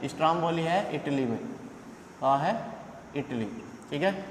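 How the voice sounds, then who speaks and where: A male teacher with a high voice runs an exam coaching lesson, repeating each rhyme and firing quick questions at his students. He sounds as if he is in an echoey room with a long reverb tail. A faint background noise sits under his voice. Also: animated.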